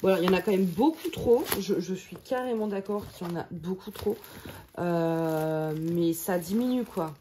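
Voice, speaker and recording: A woman's voice: lowish voice, normal speed, warm tone. Chatty woman vlogger, noisy room. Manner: chatty, self-deprecating, thinking aloud. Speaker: crafting vlogger. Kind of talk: casual chat. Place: at home.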